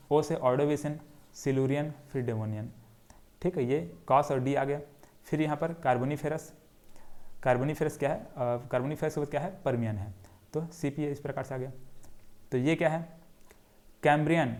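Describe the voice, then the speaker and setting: A fairly high-voiced young man giving a geography lesson. He drills his students by asking a question and then answering it himself, over and over. He sketches on a board as he explains. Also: darkish tone. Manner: drawing on a board while explaining. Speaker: geography teacher. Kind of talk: classroom lecture.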